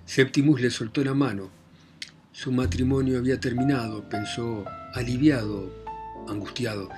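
A man narrating a novel in a measured reading voice, letting his voice drop softly at the ends of phrases. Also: mid-range voice, fairly even intonation, over music.

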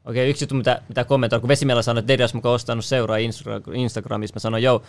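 A man's voice: medium pitch, little pitch movement. A man co-hosting a casual chat, talking in slang with boastful jokes. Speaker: podcast co-host.

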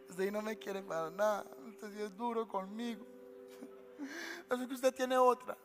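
A man's voice: high voice, takes it slowly. Delilah, a pouting manipulative woman, put on by a preacher. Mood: whiny reproach. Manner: pouting, wheedling, reproachful. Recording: long church reverb, faint music.

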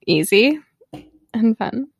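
A woman co-hosting a casual podcast, an animated storyteller who acts out quotes and says "like" a lot. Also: fairly high pitch, slow, vocal fry, slightly rough, no room sound, studio quality. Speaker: podcast co-host.

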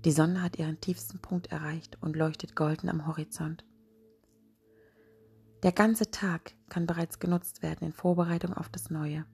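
A woman podcast host in soft, guided-relaxation narration, hushed and breathy, speaking intimately as if right by your ear. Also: lowish voice, steady tone, moderate pace. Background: music.

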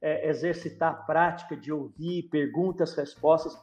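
A Brazilian man with a somewhat high voice gives an informal, explanatory talk as a podcast guest. The sound is very roomy, with faint music behind him. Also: steady tone, moderate pace, darkish tone.

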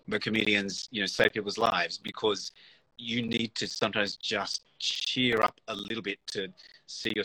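A man with a fairly low but bright, forceful voice that has a husky edge. He speaks as a guest in a casual conversation, thinking aloud, hesitating and restarting his sentences. The sound is dry and close. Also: dry recording, low-quality recording. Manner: thoughtful, hesitant, many restarts and fillers. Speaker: guest, comedy producer. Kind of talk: casual conversation on a live show.

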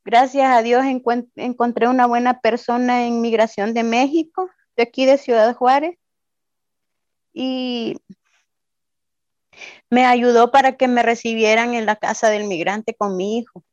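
A woman from El Salvador with a Salvadoran accent, giving a slow, hesitant personal testimony as a migrant, with many fillers. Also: fairly high pitch, steady tone, darkish tone, dry recording, lo-fi sound. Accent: Salvadoran Spanish. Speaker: interviewee, migrant. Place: Ciudad Juárez.

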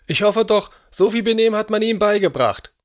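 An actor playing an elderly, imperious aristocrat who talks in a gruff, demanding and indignant way in an audio drama. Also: male voice, high voice, lively intonation, fairly quick. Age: older.

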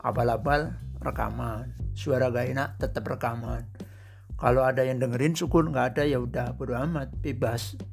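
A man's voice: mid-range voice, steady tone, moderate pace, gravelly, darkish tone, soft background music. A man hosting his own podcast, talking in an easygoing, rambling, conversational way. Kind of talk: casual solo podcast monologue.

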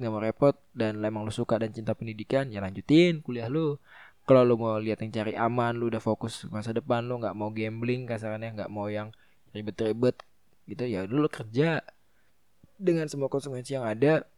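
A man's voice: medium pitch, a little mellow, dry recording, studio quality. A young man with a Jakartan accent and a lisp on his r, giving casual, rambling advice as a solo podcast host. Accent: Jakartan Indonesian. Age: young adult. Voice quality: lisp, trouble saying r. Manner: informal, rambling, repeats phrases.

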